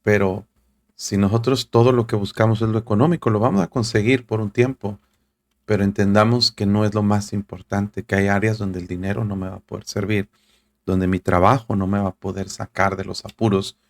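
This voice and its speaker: A man's voice: on the low side, steady tone, normal speed, vocal fry. A male pastor, preaching a sermon with earnest direct address and reading scripture aloud. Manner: reads scripture aloud, searches for verses mid-talk.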